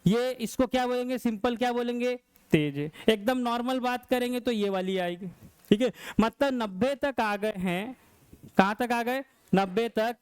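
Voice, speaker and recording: High-voiced man teaching a science lesson. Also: a little mellow, clean tone, dry recording. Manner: repeats questions and answers them himself. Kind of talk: classroom lecture.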